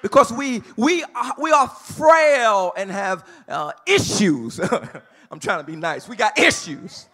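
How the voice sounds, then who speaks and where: A man preaching a sermon as pastor in a church sanctuary, moving from calm teaching to shouted, sing-song delivery. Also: high-pitched, slow.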